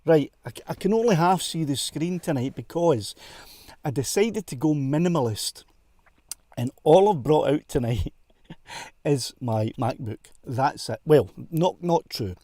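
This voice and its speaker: A man's voice: fairly high pitch, lively intonation, a little slow, warm tone, no room sound. A Scottish man hosting a casual live stream from a car, chatty and self-deprecating, laughing often, on a clip-on mic. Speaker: livestream host. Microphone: clip-on wireless mic.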